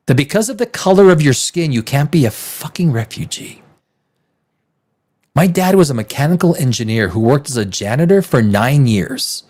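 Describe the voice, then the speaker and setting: A mid-range, darkish voice belongs to a man in his fifties who was born in the Czech Republic and is from Canada, speaking with a North American accent. As a livestream host he chats casually and without a script, emphatic and profane, often saying the same phrases again.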